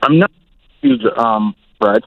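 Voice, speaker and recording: A man's voice: mid-range voice, huge pitch swings, measured pace, creaky. A man calling in to a radio host over a bad phone connection, repeatedly asking whether he can be heard. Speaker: caller. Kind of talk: call-in question to a radio host. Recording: tinny, dry phone line.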